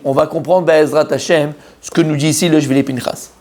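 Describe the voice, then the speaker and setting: A man teaching a lively religious class to a room of men, asking questions and answering them himself, mixing Hebrew terms into his French. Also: on the high side, brisk, a little hiss or hum. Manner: acts out the story's characters, mixes Hebrew terms into French.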